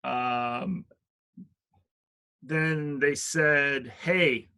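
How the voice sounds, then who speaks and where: Slow, bright-voiced man telling a story. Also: fairly high pitch, clean tone. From Richmond, Virginia. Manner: rambling, with many fillers and restarts. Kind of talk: casual storytelling.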